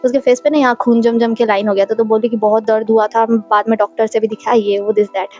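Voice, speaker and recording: A young woman telling a story in a chatty, animated vlog style. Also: fairly high pitch, a little fast, soft background music. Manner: animated, chatty, acts out quoted lines. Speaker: vlogger.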